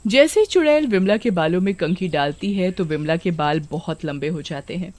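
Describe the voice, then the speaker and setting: A woman narrating a cartoon folk tale in a steady storytelling manner. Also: fairly low pitch, moderate pace, no room sound.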